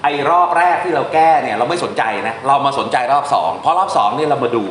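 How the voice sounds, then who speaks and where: A male translation teacher giving an informal classroom lesson, talking through examples step by step and reading English lines slowly. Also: mid-range voice, lively intonation, fairly bright tone, reverberant, slight background noise.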